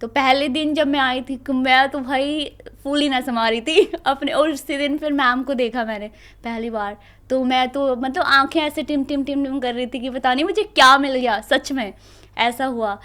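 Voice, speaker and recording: Young woman, high voice, lively storyteller, interview guest. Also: moderate pace. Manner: animated, laughing storyteller who acts out family dialogue. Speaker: student guest.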